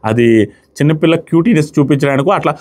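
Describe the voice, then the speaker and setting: A man's voice: a little high, rapid-fire, darkish tone. A man reviewing a reality show episode in a mocking, indignant commentary, acting out the crying he describes. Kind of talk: animated commentary.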